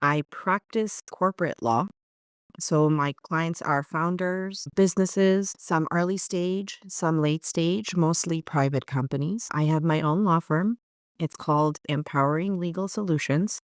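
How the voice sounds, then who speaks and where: A woman's voice: low-pitched, unhurried, clean tone, no room sound, studio quality. A woman from Bangladesh, a corporate lawyer, telling her story earnestly as a podcast guest. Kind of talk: podcast interview.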